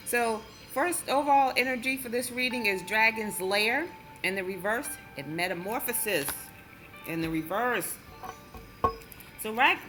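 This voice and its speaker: A woman's voice: medium pitch, poor audio. A woman doing a casual tarot card reading for her channel, chatting through each card's meaning step by step. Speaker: tarot reader. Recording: music playing under the voice. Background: background music.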